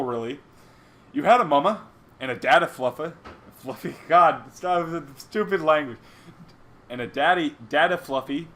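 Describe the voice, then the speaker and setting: Bright-voiced man reading mockingly. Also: medium pitch. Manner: sarcastic, breaks off to laugh and comment. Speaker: podcast co-host reading a story aloud. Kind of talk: casual mocking read-aloud commentary.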